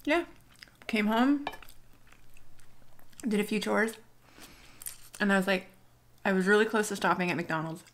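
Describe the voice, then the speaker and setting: A woman's voice: mid-range voice, lively intonation, unhurried, pauses often, a bit bright. A woman in her thirties chatting casually to viewers while eating at home, rambling and laughing often. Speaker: mukbang vlogger. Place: home dining room.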